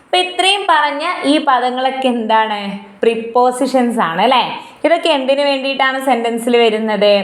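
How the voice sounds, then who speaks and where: High-voiced Malayali woman teaching grammar. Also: reverberant. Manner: repeats points and asks the listener questions. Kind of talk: explanatory lesson with slow read-aloud definitions.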